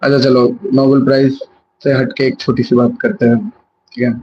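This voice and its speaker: A man's voice: mid-range voice, flat delivery, normal speed, highs cut off, a little hiss or hum. A young man giving a live revision lesson, chatty and self-correcting, mixing English words into his Hindi. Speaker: exam prep teacher.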